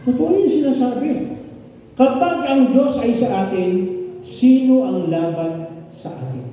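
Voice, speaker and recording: A man's voice: very high-pitched, unhurried, a little hiss or hum. An older man preaching a Sunday sermon in a conversational way, often asking the congregation questions, in a church hall. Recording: echoey, dull hall sound from far off.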